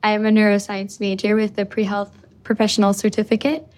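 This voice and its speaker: A young Costa Rican woman, an undergraduate student guest, chats her way through a casual interview with plenty of "likes" and "ums." Her medium-pitched voice is a little mellow and completely flat in delivery, and she talks briskly.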